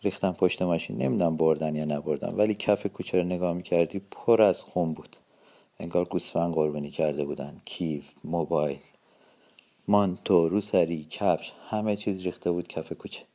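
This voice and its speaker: Man, low voice, dark tone, eyewitness account, tense storytelling. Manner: tense, vivid storytelling with quoted dialogue.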